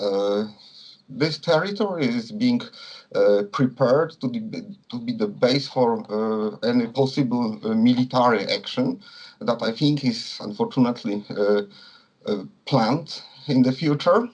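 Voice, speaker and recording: A man from Poland with a Polish accent, a non-native speaker answering interview questions in a hesitant, halting way, searching for words. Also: mid-range voice, a little mellow, dull audio. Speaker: interviewee, communist political activist.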